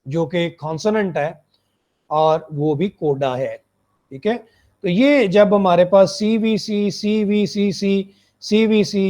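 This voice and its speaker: A male lecturer talks students through a lesson, with a fairly high but mellow voice. He explains step by step, repeats his points and checks that they follow. The recording is muffled and lo-fi. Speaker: phonetics lecturer.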